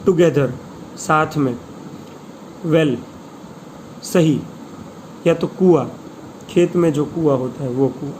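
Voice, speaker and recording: Man, slightly high voice, very slow word-list teacher, faint room noise behind. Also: a little mellow, rough recording. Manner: slow, deliberate, spells words letter by letter. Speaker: English teacher. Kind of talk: slow vocabulary lesson, reading word lists with Hindi meanings.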